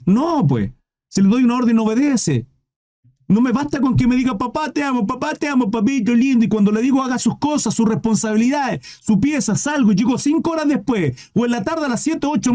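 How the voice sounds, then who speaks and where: A man's voice: very high voice, dark tone, dry recording, clean studio sound. A man preaching a live Bible teaching in a direct, exhorting way.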